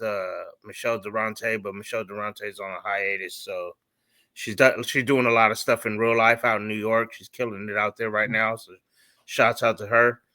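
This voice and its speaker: A man's voice: medium pitch, sharp tone, dry recording. A man from Hawaii who is a comedian and educator, chatting in an easygoing, slangy way. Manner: easygoing, laughs often, slangy. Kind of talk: casual chat.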